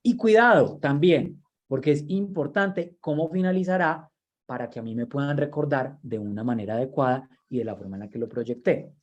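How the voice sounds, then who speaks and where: A university lecturer and workshop trainer in his 30s gives an online training lecture over a video call, speaking at a normal speed in a mid-range voice through dull-sounding audio. His style is conversational, and he often repeats words while searching for the next one.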